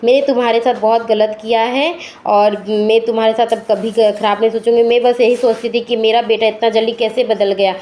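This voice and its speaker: A woman's voice: fairly high pitch, level tone, fairly quick, hardly any pauses, darkish tone, lightly acted. A woman voicing an older mother-in-law who scolds and finds fault with her new daughter-in-law. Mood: apologetic.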